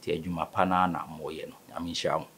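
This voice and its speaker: A man's voice: extremely low pitch, little pitch movement, quick pace, a bit bright, husky. A man in his thirties with a Ghanaian West African accent, speaking conversationally as a guest in a sports interview. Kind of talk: conversational studio interview, mixing Twi and English. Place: small indoor studio. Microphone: studio microphone on table stand.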